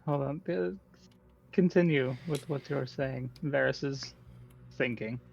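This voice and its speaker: A man's voice: medium pitch, measured pace, creaky. A man playing a tabletop game, eager and playful, on a dull lo-fi mic. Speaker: player. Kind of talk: casual tabletop game play.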